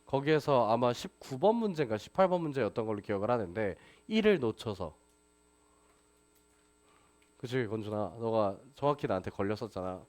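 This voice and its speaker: A man's voice: mid-range voice, expressive, a little fast, darkish tone. A man teaching a math class, lecturing and constantly asking his students rhetorical questions. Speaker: math tutor.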